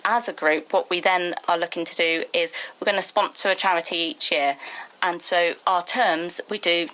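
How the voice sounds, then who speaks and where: A woman's voice: fairly low pitch, fairly even intonation, a bit bright, rough recording. A woman who leads a choir, talking as a guest on a radio interview in a chatty, upbeat way. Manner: chatty and upbeat, quick to laugh. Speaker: choir director.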